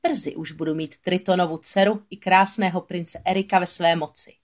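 A woman voicing a gloating female sea witch who speaks slowly and croaks triumphantly. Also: on the low side, fairly even intonation, close to an everyday voice. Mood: scheming.

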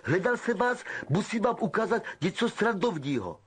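A man's voice: high voice, big pitch swings, breathy edge, voice pushed up, heavily acted. A man doing a sneering, drawling schoolboy. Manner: drawling, mocking.

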